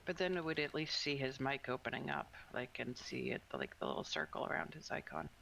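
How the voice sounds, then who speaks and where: A man's voice: mid-range voice, very animated, brisk, vocal fry, bright, forceful tone, a little hiss or hum, low-quality recording. A man in a raid group talking casually over group voice chat, helpfully walking someone through a tech problem. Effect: heard over group voice chat.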